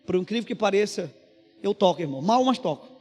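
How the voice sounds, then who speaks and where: Brazilian guy preaching in a church, pretty high voice, telling a story all earnest, big echoey room w faint music. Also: lively intonation, quick pace, darkish tone, husky. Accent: Brazilian Portuguese. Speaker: pastor. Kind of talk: sermon storytelling. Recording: reverberant church hall with music behind.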